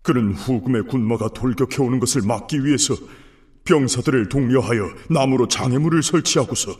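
A man's voice: medium pitch, fairly quick, a little mellow, lightly acted. An actor playing a solemn, deferential official in a historical drama, formally reporting to his king in archaic speech.

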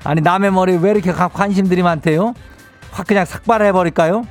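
A man's voice: sits high, fast talker, faint music behind. A man with a Chungcheong Korean accent hosting a radio show, reading listener messages aloud and giving teasing, homespun advice in a drawling, folksy way. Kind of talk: folksy radio call-in chat.

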